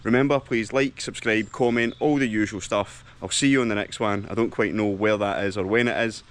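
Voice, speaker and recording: A man's voice: lowish voice, steady tone, brisk, fairly bright tone. A man with a Scottish accent, chatting casually and enthusiastically as a travel vlogger while walking around a lodge and lochside. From Scotland. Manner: chatty and enthusiastic, heavy on local slang.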